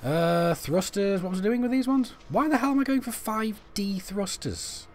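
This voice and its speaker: High-pitched, at a moderate pace, with slight background noise, a young British streamer casually talks through a live game. He rambles and jokes at his own expense, chatting with viewers while fiddling with menus.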